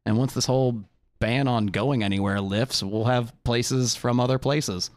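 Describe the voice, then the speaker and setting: A man's voice: medium pitch, fairly even intonation, moderate pace. A man co-hosting a podcast in a casual, jokey chat, laughing often. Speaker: podcast co-host.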